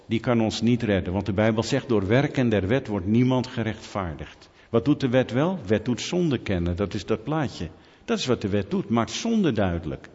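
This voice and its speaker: A man delivers a sermon at a medium pitch, pressing his points hard and throwing questions out to the congregation. His voice rings with a long hall reverb. The recording sounds dull and muffled. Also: darkish tone. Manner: emphatic, asks the audience rhetorical questions. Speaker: preacher.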